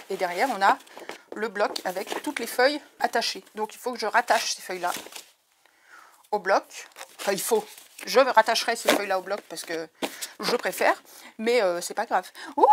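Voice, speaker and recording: An unboxing on a crafting vlog has this woman thrilled, her heart pounding. Over a headset she gushes and repeats words to viewers in a high, animated voice at a moderate pace, with background noise audible.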